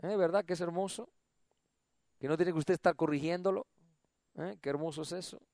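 High-voiced man preaching. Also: a little fast, no room sound, clean studio sound. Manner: call-and-response, swings from loud to soft. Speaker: pastor. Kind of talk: sermon.

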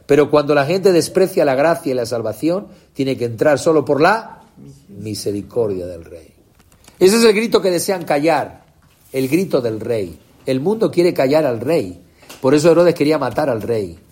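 A man preaching an impassioned sermon, asking the congregation questions and swinging between shouts and low, quiet lines. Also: husky.

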